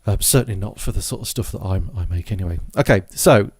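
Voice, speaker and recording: A man with a lowish voice walks through music software and hardware in an informal way. He rambles and thinks aloud as he demonstrates. The sound is dry and close. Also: quick pace, breathy edge, no echo. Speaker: music gear tutorial presenter. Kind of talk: casual software and hardware walkthrough. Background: scratching noise from a dog in the background.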